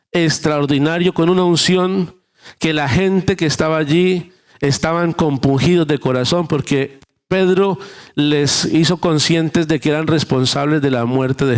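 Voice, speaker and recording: A male pastor preaching a sermon, explaining scripture through everyday stories and acting out short exchanges. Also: a little high.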